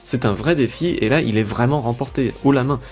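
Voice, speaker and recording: A young man delivers a scripted, enthusiastic review as a video essayist. His mid-range voice is brisk with a darkish tone, and background music plays under it.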